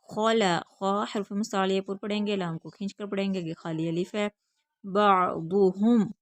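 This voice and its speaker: A woman's voice: medium pitch, dry recording. Woman teaching recitation rules, dry close sound. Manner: explains pronunciation rules in quick bursts between slow, drawn-out recited words. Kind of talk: online tajweed lesson.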